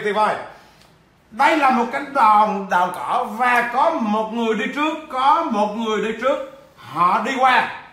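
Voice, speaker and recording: High, bright-voiced man who stammers. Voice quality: stammers at times. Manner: keeps checking in with viewers through questions. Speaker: business trainer. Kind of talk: livestreamed lecture to viewers.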